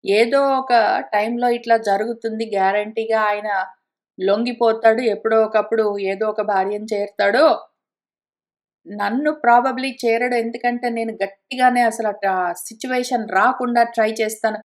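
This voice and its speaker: A woman teaching an ancient epic verse by verse. She chants the Sanskrit lines slowly, then explains each one in an emphatic storytelling manner, with English words mixed into her speech. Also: on the high side, steady tone. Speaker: scripture teacher.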